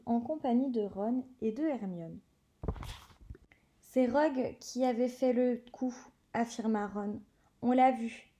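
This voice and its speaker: Female reader, bright and sharp tone, plain read-aloud narration that lifts a little for dialogue. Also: on the high side. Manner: plain reading with small slips and self-corrections; lightly raises her voice for characters' lines. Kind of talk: reading a novel aloud.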